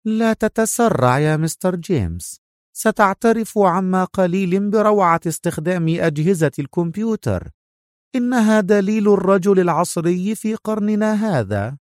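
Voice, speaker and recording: A man's voice: high voice, lively intonation, moderate pace, a little mellow, no echo, voice pushed up. A smug, gleeful professor with a raised, chirpy voice, as a male narrator puts him on. He lectures with self-satisfied delight. Dry, close recording.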